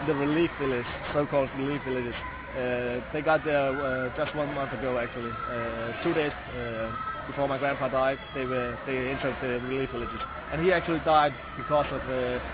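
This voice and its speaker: A man's voice: mid-range voice, steady tone, fairly quick, few pauses. A young man from Sri Lanka, interviewed outdoors at a demonstration, speaking hesitantly with many fillers and restarts. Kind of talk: street interview. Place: outdoors on a city street. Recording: tinny lo-fi recording with loud street noise.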